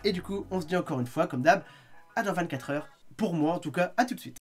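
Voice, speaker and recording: A man chatting casually in a video review, lively with quick asides, sounding tired. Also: fairly high pitch, faint music behind. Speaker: manga vlogger.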